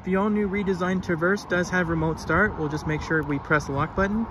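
A man's voice: sits high, fairly even intonation, fairly quick, noisy background. A man giving a casual car walkaround, talking in a plain, easygoing show-and-tell way with frequent fillers. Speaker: car reviewer. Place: around and inside a parked car.

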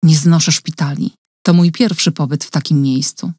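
A woman's voice: deep voice, steady tone, moderate pace, mellow, breathy edge, no room sound, clean studio sound. A woman voicing a hurt, frightened young woman who pleads between sobs in an audiobook reading. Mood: weak.

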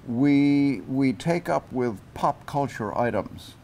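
An older man giving a museum interview in a deliberate, matter-of-fact way. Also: medium pitch, expressive, darkish tone, slight background noise. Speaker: museum expert. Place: indoor museum.

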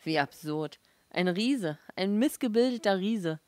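An impatient Martian husband , voiced by a woman reading the audiobook, who brushes everything off with clipped, scoffing replies. The voice sits low and dry, pushed slightly louder than the narration. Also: normal speed, dry recording. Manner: curt, scoffing. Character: irritable dismissive Martian husband, grown man.

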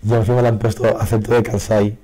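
Hoarse man opening card packs. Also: fairly low pitch, fast talker. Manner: excitable, reacts loudly to pulls. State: hoarse, losing his voice. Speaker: card game video creator. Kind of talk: casual pack-opening commentary. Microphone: faulty broken microphone.

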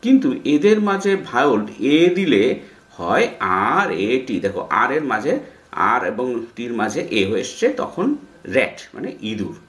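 Lively Bengali-speaking male English tutor. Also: medium pitch, moderate pace, echoey room. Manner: spells words letter by letter, repeats for emphasis. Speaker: English teacher. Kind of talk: spoken lesson explaining English words.

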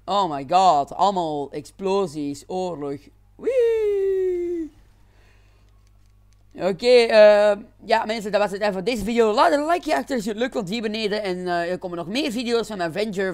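A man giving excitable let's-play commentary, exclaiming and laughing often. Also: high-pitched, clear, resonant tone. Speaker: gaming channel host.

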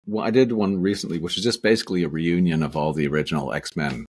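A middle-aged man with a low, husky voice talks quickly in a darkish tone. He's an actor appearing as a guest in a casual interview, rambling through stories with many restarts and asides, heard through a webcam on a video call.

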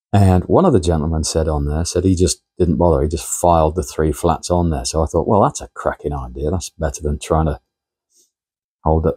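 A man speaks in a low, slightly husky voice with a dark, mellow tone. He chats casually as he works, explaining each step of his workshop task. He is recorded indoors by a camera on a tripod in his home workshop. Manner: chatty, talks viewers through each step as he works. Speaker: model engineering workshop host.

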